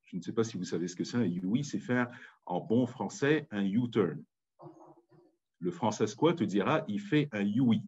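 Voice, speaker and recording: Husky Parisian man giving a passionate talk. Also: fairly low pitch, animated, moderate pace, darkish tone, muffled recording. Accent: Parisian French. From France. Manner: impassioned, emphatic, insistent. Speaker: speaker. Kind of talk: public talk on language and community.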